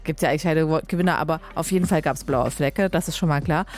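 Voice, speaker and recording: A young woman from Leipzig, Germany hosts a radio music show with a deep, darkish voice and a fast pace. Her chatty, informal talk is full of fillers and self-corrections, captured on a studio microphone.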